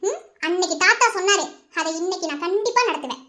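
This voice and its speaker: A woman voicing a bold, sharp-tongued young village woman in an animated cartoon, scolding in a Madurai Tamil accent. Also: very high-pitched, exaggerated voice. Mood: defiant. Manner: scolding, fast, defiant.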